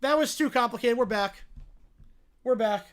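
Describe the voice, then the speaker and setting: A woman giving casual livestream reaction commentary, excitable and mocking, often gleefully repeating phrases. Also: on the high side, normal speed. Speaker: livestream host reacting to videos.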